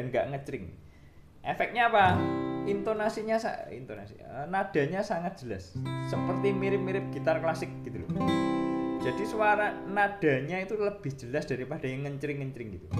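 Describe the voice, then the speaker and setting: A man's voice: on the high side, echoey room. A man with an East Javanese Indonesian accent, a guitar repair shop owner, talking casually as he explains his work and counts off the frets aloud. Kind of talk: casual workshop demo talk.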